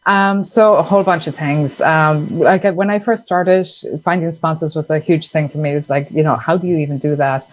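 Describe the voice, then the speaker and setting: A woman's voice: deep voice, a little fast, hardly any pauses, low-quality recording. An Irish woman from Ireland, a podcast guest chatting casually about her consulting work, with frequent ums and easy laughs. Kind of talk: casual interview chat.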